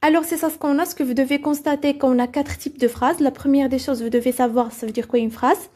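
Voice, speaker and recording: High-voiced woman teaching grammar. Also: steady tone, a little fast, warm tone. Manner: asks the class questions and answers them herself; repeats "c'est bon?" to check understanding. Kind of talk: grammar lesson for children.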